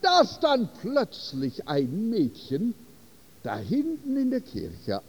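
A man telling a story in a sermon, halting and searching for words in German. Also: high-pitched, wildly swooping pitch, a little mellow, breathy edge, long reverb tail.

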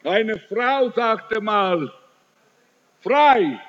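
A man preaching a sermon, slow and emphatic, addressing his listeners directly and scolding them at times. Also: animated, fairly bright tone. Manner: slow, emphatic preaching with sudden rises and drops in pitch. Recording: dull, muffled recording in a reverberant hall.

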